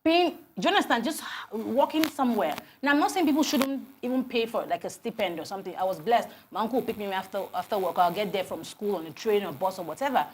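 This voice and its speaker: A Nigerian HR consultant in her forties appears as a guest on a TV morning show, speaking quickly in a mid-range voice with a little hiss or hum in the audio. She tells her stories with animated energy, often restarting sentences as new thoughts arrive.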